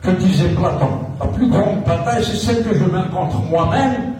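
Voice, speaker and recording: A man from Algeria giving an emphatic motivational speech, with big swings in pitch and laughs between phrases. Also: normal speed, background noise. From Algeria, Kabylie. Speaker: motivational speaker. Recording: echoey hall from far off.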